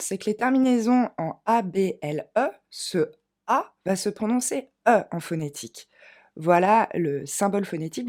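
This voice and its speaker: A woman teaching an English pronunciation lesson, drilling words slowly for learners to repeat. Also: medium pitch, darkish tone.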